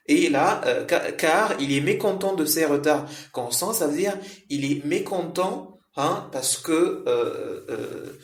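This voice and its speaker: A man explaining French vocabulary to learners, slow and repetitive, with many fillers and checks of understanding. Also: fairly high pitch, echoey room. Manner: slow, repetitive explaining with frequent "hein" and "euh". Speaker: French teacher.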